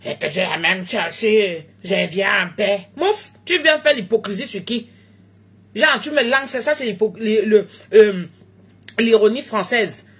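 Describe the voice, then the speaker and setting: Woman live-streamer, very husky and fairly high, tired, lively exclamations and murmured asides, cracks jokes in broken English. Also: measured pace. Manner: animated, swinging between loud exclamations and low murmurs. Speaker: food seller live-streaming on social media. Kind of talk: casual live chat to followers.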